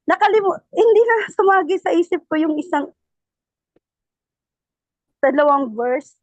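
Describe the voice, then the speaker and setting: A woman who is a parent, giving a personal testimony at church. She speaks in halting, restarting sentences and addresses the pastor respectfully. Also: sits high, darkish tone, no room sound, lo-fi sound. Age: adult parent.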